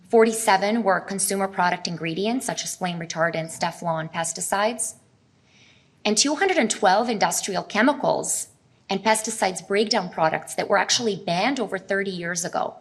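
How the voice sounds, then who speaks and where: A middle-aged Serbian woman with a medium-pitched voice gives an earnest, explanatory talk to a live audience at a health expo, putting questions to them as she goes.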